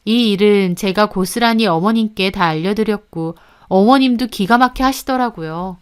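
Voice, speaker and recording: A woman narrating a first-person family drama story in a steady, scripted reading voice. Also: medium pitch, moderate pace, clean tone.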